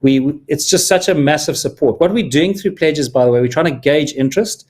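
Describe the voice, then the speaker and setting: A man's voice: a little high, brisk, darkish tone, husky. A man from Zimbabwe hosting a live stream as a film producer, talking in an earnest, heartfelt way with small restarts. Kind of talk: casual live-stream talk.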